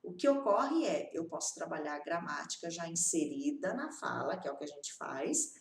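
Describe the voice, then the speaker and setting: A woman teaching in a lively, emphatic way, often checking in with her students with short tag questions. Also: low-pitched, normal speed, gravelly, roomy sound, far from the mic. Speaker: English teacher. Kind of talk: teaching video, direct address.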